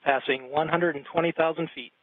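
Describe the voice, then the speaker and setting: A man's voice: on the high side, fairly even intonation, brisk, no room sound, narrow, tinny audio. A man working as a launch controller, making technical status callouts in a clipped, procedural delivery. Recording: very loud noise over the voice.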